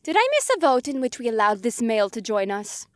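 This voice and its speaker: A woman's voice: on the high side, sing-song, brisk, no room sound, clean studio sound. A woman voicing a proud, condescending spider-woman alien in an audiobook. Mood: haughty. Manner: cold and condescending. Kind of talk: audiobook character voice.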